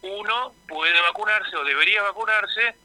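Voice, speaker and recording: A man's voice: sits high, moderate pace, pushed and bright, dry recording, rough recording. A man with an Argentine Spanish accent, a health official explaining things in a radio interview. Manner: explanatory, informative.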